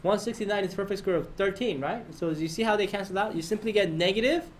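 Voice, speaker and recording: A man's voice: sits high, fast, a little hiss or hum. A man teaching a math lesson to his class, often prompting students with questions and checking that they follow.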